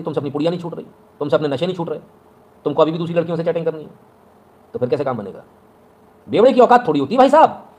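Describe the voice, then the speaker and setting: A man's voice: on the high side, a little mellow. A man with a Hindi accent giving blunt advice in a lecturing monologue, often asking "right?". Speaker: online news commentator.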